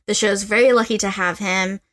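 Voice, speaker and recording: A young woman co-hosting a casual fan podcast, chatty and quick to laugh, with lots of fillers. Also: medium pitch, steady tone, background noise. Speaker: podcast co-host.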